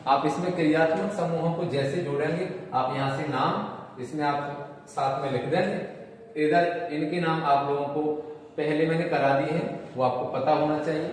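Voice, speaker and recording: A man's voice: on the high side, steady tone, normal speed. A man teaching chemistry in a patient, repetitive way, often calling students "beta". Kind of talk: classroom lecture. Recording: roomy echo, distant mic, faint noise.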